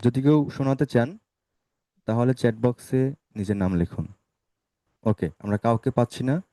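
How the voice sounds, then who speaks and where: Teacher drilling pronunciation, dark dry voice. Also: male voice, medium pitch, dry recording. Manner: drills words slowly, asks students to repeat. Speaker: spoken English teacher. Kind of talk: online pronunciation class.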